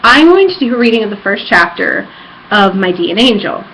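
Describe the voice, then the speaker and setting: Very animated and a bit bright, her mid-range voice keeps a normal speed as she chats in a rambling personal vlog. The vlogger is full of giddy fangirl excitement in her apartment room. Expect a dull, lo-fi home recording with some background noise.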